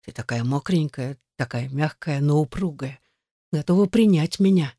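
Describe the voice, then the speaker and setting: Ardent strong male lover, read by a male narrator, low soft murmur, dry close sound. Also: lively intonation, normal speed, dry recording.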